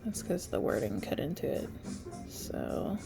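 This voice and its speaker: Loud music nearly competes with this craft tutorial host, a congested woman whose medium-pitched voice is expressive and slow. She chats casually through step-by-step screen-share instructions, often saying "um."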